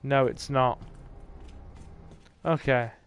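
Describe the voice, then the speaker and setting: Speaking extremely slowly in a smooth, medium-pitched voice with fairly even intonation, this streamer from England commentates a horror game. He has an English accent and keeps things chatty and relaxed with his viewers while he plays.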